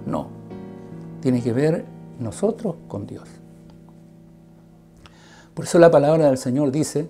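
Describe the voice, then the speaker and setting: A preacher giving an earnest sermon, often tagging phrases with a questioning "right?" and stretching key words with sudden loud emphasis. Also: medium pitch. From Chile. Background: faint guitar music.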